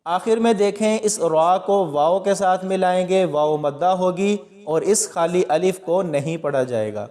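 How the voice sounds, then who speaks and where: A man teaching Quran reading with tajweed, explaining each word, then spelling it out slowly syllable by syllable. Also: sits high, a little mellow, big-room sound. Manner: slow, drawn-out syllable-by-syllable recitation between explanations. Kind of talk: tajweed lesson, spelling out letters.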